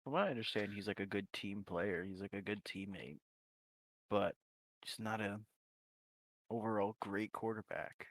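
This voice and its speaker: A man with a low voice co-hosts a casual sports podcast in an easygoing, offhand way. He is recorded close and dry, with no room sound. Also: normal speed, pauses often, no room sound. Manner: laid-back, reads search results aloud. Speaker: podcast co-host.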